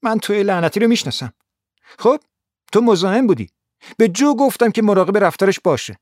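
A man's voice: high-pitched, expressive, darkish tone, dry recording, studio quality, voice pushed up. A man voicing a bitter, frightened blonde woman who speaks sharply, sarcastically and angrily. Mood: angry.

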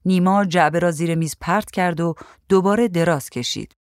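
Woman, story reader, low voice, calm, even, dry close sound. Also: dry recording. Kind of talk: storybook narration.

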